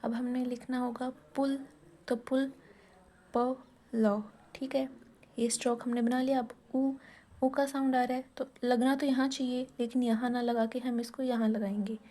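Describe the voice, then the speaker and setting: A woman's voice: a little high, little pitch movement, normal speed, dark tone. A woman teaching shorthand in a casual step-by-step lesson, asking and answering her own questions as she writes.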